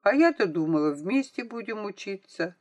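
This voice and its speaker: A woman's voice: medium pitch, lively intonation, moderate pace, darkish tone, pitched above the performer's own voice, close to an everyday voice. A woman voicing an eager little schoolgirl in an audiobook, whispering urgently.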